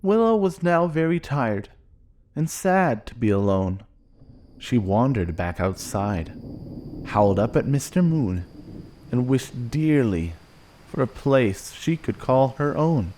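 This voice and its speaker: A man gently reading a children's storybook aloud in an expressive way. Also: mid-range voice, takes it slowly. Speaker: narrator.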